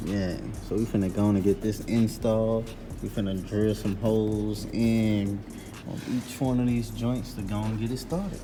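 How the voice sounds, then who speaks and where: A man's voice: lowish voice, steady tone, moderate pace. A man casually chatting in slang while working on his car outdoors, filmed on a phone camera. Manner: laid-back, slangy, chatty. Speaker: car vlogger. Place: outdoors beside a car in the cold.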